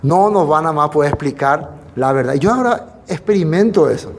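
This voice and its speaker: A man preaching a sermon, reading verses slowly and emphatically, then explaining them conversationally with rhetorical questions. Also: fairly high pitch, expressive, slight background noise. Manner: speaks directly to the listener, with rhetorical questions.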